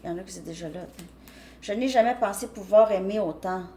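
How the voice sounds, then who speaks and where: A woman's voice: medium pitch, a little fast, warm tone. A woman giving a casual tarot reading, talking hesitantly with frequent restarts and "ok?" check-ins. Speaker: tarot reader.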